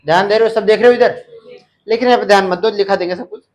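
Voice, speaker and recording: A man's voice: high-pitched, fast talker, a little mellow, low-quality recording. A man teaching a live class, lecturing and asking the students questions again and again. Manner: asks the class questions and repeats key terms. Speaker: nursing exam teacher.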